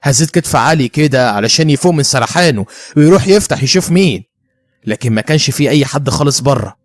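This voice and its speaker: An Egyptian man tells a first-person story in a brisk, conversational voice. He moves along at a fast clip over a mid-range pitch. The sound is dry and close, with faint background music. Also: lively intonation, no echo.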